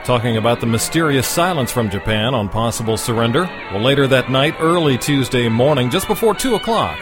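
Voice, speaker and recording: A man with a mid-pitched voice presents a scripted radio countdown and history programme. Faint music plays under his narration. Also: animated, fairly quick. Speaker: radio show host.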